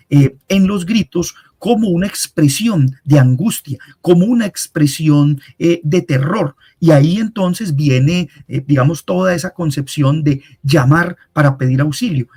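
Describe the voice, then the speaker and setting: A man, a university professor and researcher, answering an interviewer in a measured, explanatory way with frequent hesitations. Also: a little high, slightly rough.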